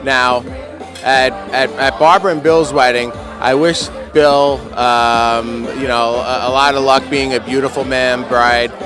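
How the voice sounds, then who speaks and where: A man's voice: mid-range voice, fairly even intonation, measured pace. A man giving a hesitant, jokey wedding toast at a party. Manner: hesitant, jokey, self-boasting. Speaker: wedding guest. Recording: music and crowd behind.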